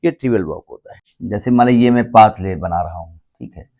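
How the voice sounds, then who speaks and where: A man's voice: fairly low pitch, fairly quick, darkish tone. A man teaching a maths class in a chatty way, repeating key points, mixing English terms into his explanations and checking that students follow. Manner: stops often to check that students understand. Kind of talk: classroom lecture.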